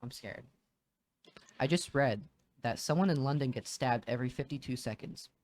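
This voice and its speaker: A man's voice: medium pitch, normal speed, darkish tone. A man joining a casual family chat, joking and planning a game. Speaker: guest family member.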